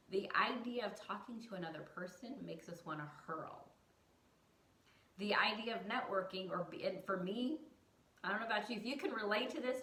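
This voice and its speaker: A woman's voice: medium pitch, bright, forceful tone, distant mic. A woman who teaches design, talking to viewers in a chatty, emphatic way with self-mocking humor. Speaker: design educator. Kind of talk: casual teaching monologue. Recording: roomy echo, voice off-mic.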